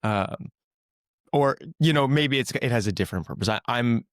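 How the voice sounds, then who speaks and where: A man's voice: mid-range voice, normal speed, no echo, clean studio sound. A man hosting an interview podcast, chatty and opinionated, with frequent "like"s as he riffs on ideas. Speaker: podcast host. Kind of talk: interview conversation.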